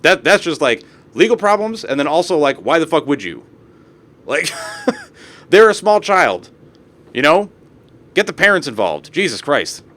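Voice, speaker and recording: On a live stream, a young man reads posts aloud and rants over them with heavy swearing and asides. His fairly bright, slightly high voice is sing-song and unhurried, with long pauses.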